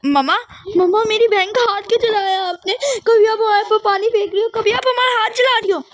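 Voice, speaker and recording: A woman's voice: very high-pitched, fairly quick, a bit bright, voice pushed up. Woman playing a tearful young stepdaughter. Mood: sobbing. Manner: pleading, sobbing. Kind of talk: voicing characters in a life-sim game story.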